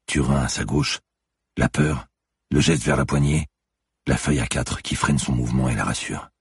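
A man narrating a suspense audiobook in a measured, dark reading. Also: extremely low pitch, fairly even intonation, husky, no echo, studio quality.

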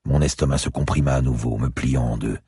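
A man narrating a dark thriller in the first person, his voice extremely deep and full of gravelly fry. The tone is husky and breathy, and the recording is close and completely dry. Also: steady tone, brisk, dry recording. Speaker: audiobook narrator.

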